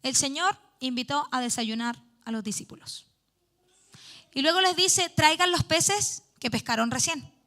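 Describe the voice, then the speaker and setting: A woman's voice: high voice, unhurried, bright, forceful tone. A woman preaching a youth sermon in church, reading scripture aloud and explaining it earnestly. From Chile.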